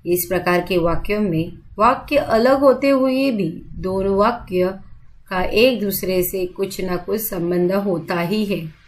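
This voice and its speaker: Slow, clear-spoken woman teacher. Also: mid-range voice. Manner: slow, clear, explanatory, repeats example sentences. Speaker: school teacher. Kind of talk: classroom grammar lesson.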